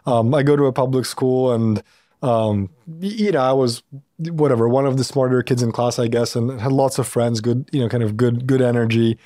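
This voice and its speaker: A man in his thirties who grew up in Poland, a company founder talking as a podcast guest, thoughtful and full of fillers and restarts, recorded on a boom-arm studio mic. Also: moderate pace, mellow, no echo. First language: Polish. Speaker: startup founder and CEO, guest. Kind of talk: casual interview talk.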